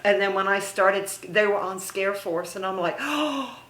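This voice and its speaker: A woman's voice: mid-range voice, level tone, moderate pace, a bit bright, echoey room, rough recording. A middle-aged woman being interviewed as a guest, reminiscing casually and gushing with praise, laughing often. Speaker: interview guest, theme park haunt performer.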